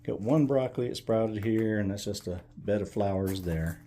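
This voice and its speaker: Older guy wandering his backyard garden, low voice, laid back and rambling, a bit of outdoor hum. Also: normal speed, warm tone. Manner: easygoing, meandering, plain-spoken. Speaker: home gardener. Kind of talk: casual garden walkthrough.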